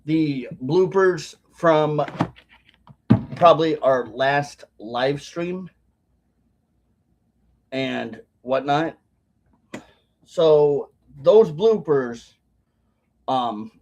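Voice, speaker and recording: Slow, halting man talking around chewing tobacco. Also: on the high side, a little mellow. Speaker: video blogger. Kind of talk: casual rambling vlog talk to viewers.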